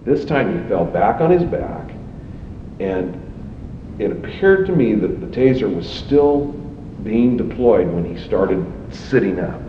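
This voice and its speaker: A man, a police officer, giving halting recorded testimony and often repeating himself. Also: on the low side, sing-song. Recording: roomy, distant, muffled, noisy archive tape.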